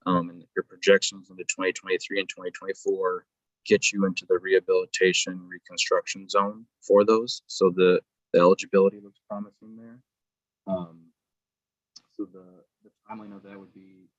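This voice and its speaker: A man's voice: low voice, no room sound, poor audio. A man on a video call explaining project steps in a careful, explanatory way with many fillers, his audio fading and dropping out unevenly. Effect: choppy video-call audio with the volume fading and cutting out. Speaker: airport project consultant. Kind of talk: explaining at a public meeting.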